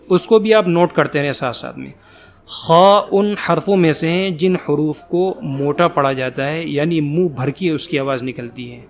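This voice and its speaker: A man teaching Quran letter pronunciation, drawing out each letter slowly and explaining patiently between them. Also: a little high, a little hiss or hum. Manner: slow, drawn-out letter recitation.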